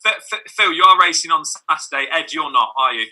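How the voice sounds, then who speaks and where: Playful male host, high-ish, very bright voice, lively inflection. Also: fairly quick. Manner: playful, teasing, laughs a lot. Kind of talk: casual chat.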